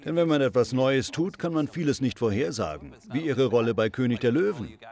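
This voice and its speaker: A man's voice: medium pitch, expressive, brisk, darkish tone. A man hosting a faith talk show, introducing and interviewing a guest in an upbeat, encouraging way.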